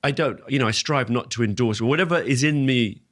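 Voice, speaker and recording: A man's voice: medium pitch, fairly quick, a bit bright, no room sound, studio quality. A man giving thoughtful interview answers, hesitantly repeating words as he reflects. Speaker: interview guest.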